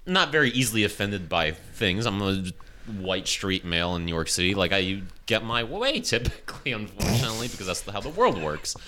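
A man's voice: fairly low pitch, very animated, brisk, sharp tone, a little hiss or hum. A man from Ukraine, a podcast guest, chatting casually and laughing, self-mocking and swearing freely. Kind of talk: casual comedic chat. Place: New York City.

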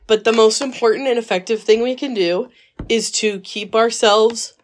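A woman's voice: on the high side, fairly even intonation, moderate pace, slight background noise. A woman co-hosting a casual book club podcast, talking earnestly and emphatically with frequent fillers and restarts, recorded on a phone. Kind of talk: casual chat.

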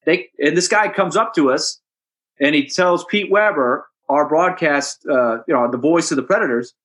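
A man's voice: fairly high pitch, moderate pace. A man, a hockey radio broadcaster, telling a story as a guest on a casual podcast. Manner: chatty, animated storyteller.

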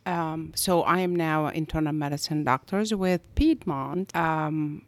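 An older woman from Egypt, a podcast guest speaking in unhurried chat with fillers. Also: low voice, dry recording. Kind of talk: casual chat.

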